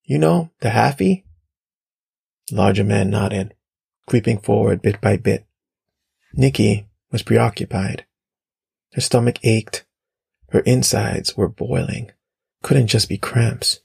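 Audiobook brief: male author narrating, low, gravelly, measured. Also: steady tone, a little mellow, no room sound, studio quality. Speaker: author reading his story.

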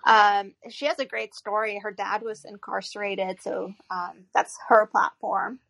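A woman's voice: medium pitch, fairly even intonation, measured pace, gravelly, fairly bright tone, no echo. A woman, a pageant contestant, chatting casually in an easygoing way with lots of fillers. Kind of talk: casual chat.

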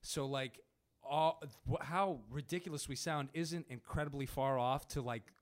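A man with a Pittsburgh accent, a podcast guest who talks haltingly with many restarts in a casual chat. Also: medium pitch.

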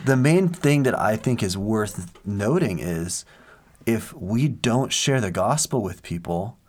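An earnest man talks through matters of faith in a casual chat, with a fairly low voice. He wanders into stories, pausing on fillers and restarting his sentences as he goes. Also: animated, darkish tone, a little hiss or hum. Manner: earnest, rambling storyteller with many fillers.

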